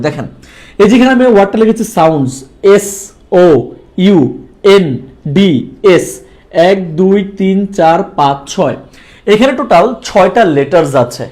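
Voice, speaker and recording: Fast, high-pitched Bangladeshi man teaching. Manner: lively, mixes English phrases into Bengali. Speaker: English teacher. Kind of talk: live online class. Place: classroom with whiteboard.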